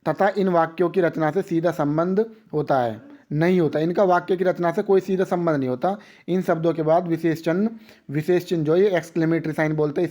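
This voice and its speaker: A man's voice: a little high, darkish tone. Man drilling grammar questions. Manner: drills with repeated rhetorical questions. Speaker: teacher. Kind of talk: exam-prep Hindi grammar lesson.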